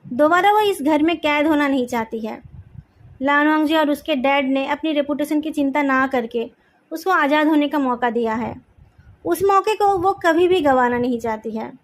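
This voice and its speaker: Woman reading out a fan story, calm and even, fairly high voice. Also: normal speed. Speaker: fan fiction narrator. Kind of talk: storytelling narration.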